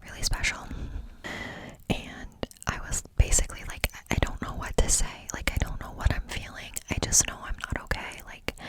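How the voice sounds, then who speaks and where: A woman ASMR host telling a personal story in a confiding, candid, cupped-hand whisper, close up. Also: low-quality recording.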